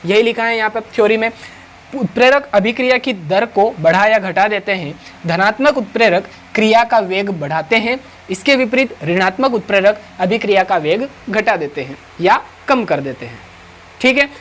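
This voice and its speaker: A man's voice: sits high, lively intonation, moderate pace, a bit bright, slight background noise. A man teaching an online chemistry class, who asks rhetorical questions, answers them himself, and keeps checking in with "right?".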